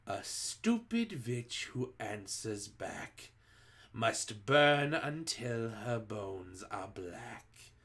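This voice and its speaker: Brief: cruel witch queen, slow drawn-out threats, swooping pitch, put on by a male reader. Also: sing-song, fairly bright tone, exaggerated voice. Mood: menacing. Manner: slow, menacing, shrieking orders. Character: commanding, cruel female witch leader.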